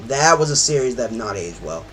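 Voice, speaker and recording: A man's voice: medium pitch, very animated, a little fast, a bit bright, slight background noise. A man streaming a game, chatting in a rambling way with sudden outbursts. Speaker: gaming streamer. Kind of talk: casual chat while playing.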